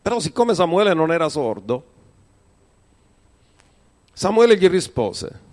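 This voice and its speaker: Preacher, dramatic drops and surges. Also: male voice, sing-song, a little slow, slight background noise. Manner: preaching with sharp drops to a low, quiet voice and rising emphatic bursts. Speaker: pastor. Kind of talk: sermon.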